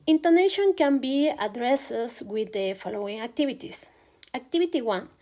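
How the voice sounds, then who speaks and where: A young woman walks through a pronunciation lesson as a student presenter, her voice sitting a little high. She talks in a hesitant, careful way, filling pauses with frequent "eh" sounds. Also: a little mellow. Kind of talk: recorded class presentation.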